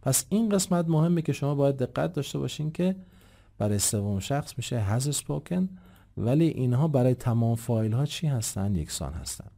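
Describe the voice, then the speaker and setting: Teaching English grammar, a man speaks politely and formally to his listeners, explaining with patience and raising rhetorical questions that he then answers. He has a warm, mid-range voice with lively intonation and vocal fry.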